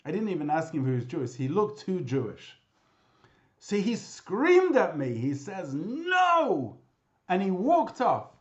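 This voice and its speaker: A man, a rabbi, giving a memorial talk with lively storytelling, mixing in Hebrew and Yiddish terms, heard over a video call. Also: on the high side, normal speed, highs cut off. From Britain.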